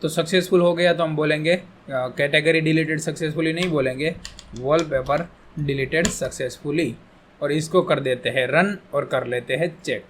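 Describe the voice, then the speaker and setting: A man's voice: on the high side, fairly even intonation, normal speed, noisy background. A man teaching a coding tutorial, explaining step by step in a casual, reassuring way and asking and answering his own questions. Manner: reassuring, casual, repeats "theek hai". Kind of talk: screen-recorded coding tutorial.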